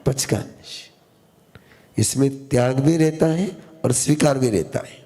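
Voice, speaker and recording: Slow gravelly male spiritual teacher. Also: medium pitch, dark tone. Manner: slow, repetitive call-and-response teaching, quizzing listeners. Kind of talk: sermon to a live audience.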